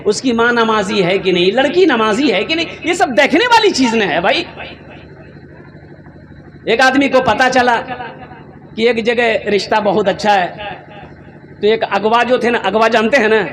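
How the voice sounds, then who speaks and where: A high-voiced Islamic preacher from India delivers a sermon at a live gathering, with the crowd audible. He poses rhetorical questions and answers them himself, repeats emphatic phrases, and shifts between raised, impassioned delivery and quiet storytelling.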